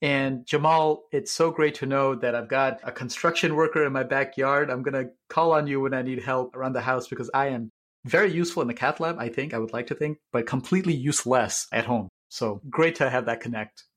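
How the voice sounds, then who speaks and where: A man's voice: medium pitch, fairly quick, a bit bright. A man hosting a medical podcast, upbeat and effusive as he welcomes guests. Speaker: podcast host.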